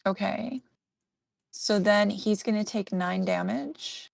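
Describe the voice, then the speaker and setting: A woman playing in a tabletop game, relaxed and casual. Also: medium pitch, slow pace, vocal fry, no echo. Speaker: player.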